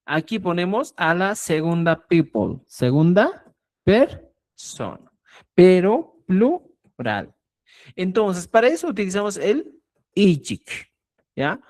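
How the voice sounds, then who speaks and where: A teacher leads an online language lesson at an unhurried, deliberate pace. The pitch rises and falls expressively, and the teacher keeps stopping to ask whether the students are following. Points are explained with simple everyday examples. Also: very animated, darkish tone. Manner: keeps checking understanding with "¿ya?". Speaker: Quechua teacher.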